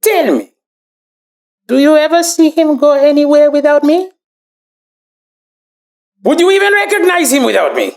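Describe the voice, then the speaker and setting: A woman playing a vain, boastful talking mustache that belongs to a politician, ranting in grandiose bursts with sudden shouts in a comedy sketch. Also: sits high, animated, normal speed, long pauses.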